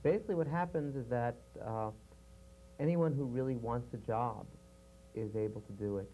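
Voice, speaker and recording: A man explaining a training program in a measured way with frequent fillers, heard from a worn VHS tape copy. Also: mid-range voice, dark tone, highs cut off. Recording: worn VHS tape with faint hiss and hum.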